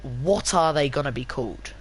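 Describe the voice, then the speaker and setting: A man's voice: medium pitch, animated, normal speed, slightly rough. Man, race commentator, rambling, self-mocking, lots of fillers, tired late at night. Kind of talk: live sim racing commentary.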